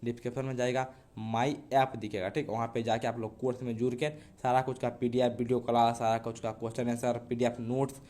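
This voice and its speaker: This is a man from Bihar teaching an online grammar class. He speaks straight to his students and keeps checking in with "ठीक है" at the end of his points. His pitch sits in a plain middle range. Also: flat delivery, fast talker, hardly any pauses, mellow. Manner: repeats "ठीक है" often, addresses students directly. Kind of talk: online Hindi grammar lesson.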